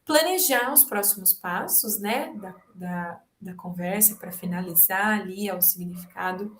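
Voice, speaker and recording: A woman with a Brazilian Portuguese accent talks a group of health professionals through a webinar lecture at a mid-range pitch, explaining patiently and checking in with little tag questions. The room around her is roomy and echoey. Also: a little slow, a bit bright, a little hiss or hum. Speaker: health educator.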